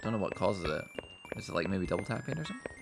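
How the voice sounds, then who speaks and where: A man's voice: low voice, sing-song, very fast, vocal fry. A man co-hosting a game stream, joking, swearing casually and humming tunes. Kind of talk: casual gameplay chat. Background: game music.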